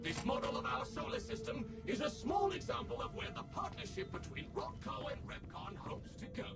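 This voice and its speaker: This is a too-smooth android tour guide from a video game. He sits very high and has a gravelly texture, and his lines swing up and down with a lively, scripted cheer. He sounds servile and polished over steady game music. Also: a little fast, full character voice. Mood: presenting. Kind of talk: recorded game dialogue.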